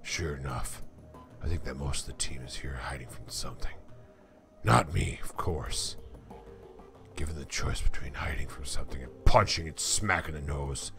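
A man's voice: extremely low pitch, normal speed, creaky, in a whisper, over music, voice pushed down. A man voicing an aging, scarred male shaman who loves a fight, in a put-on Cockney-Australian accent. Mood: gruff.

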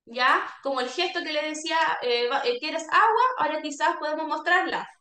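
High bright woman speech therapist. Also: fairly quick, a little hiss or hum. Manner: explanatory, often checks in with a questioning "¿ya?". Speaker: speech therapist leading a caregiver workshop. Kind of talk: workshop talk. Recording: echoey room.

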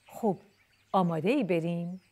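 Woman playing a calm mother bird. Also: fairly low pitch, natural voice. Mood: coaxing. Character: patient mother bee-eater bird, firm.

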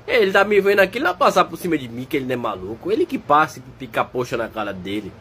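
A man voicing a brash, teasing male dog in a comic dub of animal videos, rowdy and quick to laugh. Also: on the high side, very animated, a bit bright, slight background noise. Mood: cocky teasing. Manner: swings between mock threats and joking.

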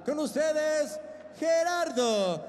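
A man's voice: very high-pitched, expressive, slow pace. An older man, announcing theatrically in Spanish like a lucha libre ring announcer, stretching out names on a handheld microphone. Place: large indoor boxing arena, in the ring. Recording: echoey arena PA with long reverb, faint noise.

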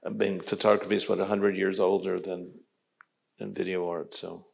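A man's voice: low-pitched, little pitch movement, normal speed, vocal fry, darkish tone, husky. A man in his eighties from New York, an artist on a panel, talking casually and making wry jokes. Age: 80s. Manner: wry, joking asides.

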